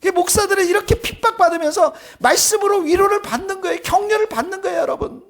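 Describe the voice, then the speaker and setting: A man's voice: very high voice, fast talker. A male pastor delivering a sermon, speaking emphatically and turning often to address the congregation, with plain personal stories mixed in. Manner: tells personal anecdotes in a plain conversational tone.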